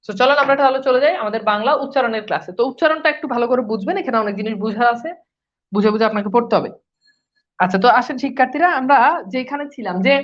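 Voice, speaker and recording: A woman teaches a live online class in a high, quick voice. She asks her students questions, answers them herself, and goes over the key points again. The sound is dull and lo-fi.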